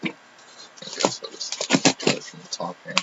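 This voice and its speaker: A man hosting a live trading-card box break, casually reading out a long list of teams and names, correcting himself often. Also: normal speed. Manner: reads off a long list of names, with frequent restarts. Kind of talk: casual live-stream commentary. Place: indoor room. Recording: dull lo-fi stream audio with faint noise.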